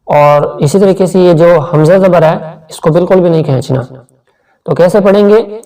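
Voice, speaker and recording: A high-pitched male teacher walks through tajweed rules at a brisk clip, then slows down to chant each word in long, drawn-out tones. His voice sits a little back from the microphone. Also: mellow, distant mic, poor audio. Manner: explains rules briskly, then recites words slowly and drawn out. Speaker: Quran teacher. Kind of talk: tajweed lesson with slow chanted recitation.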